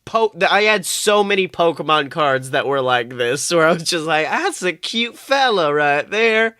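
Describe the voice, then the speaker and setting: With a low-sitting voice at a moderate pace, this young woman swears freely and performs quotes while spinning stories on her comedy podcast. The sound is studio quality, free of echo, and the tone stays casual.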